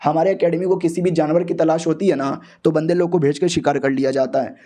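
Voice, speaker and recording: A man's voice: fairly high pitch, steady tone, fairly quick, warm tone, lightly acted. A man voicing a chubby, chatty young male sidekick who rambles and jokes. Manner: rambling, jokey.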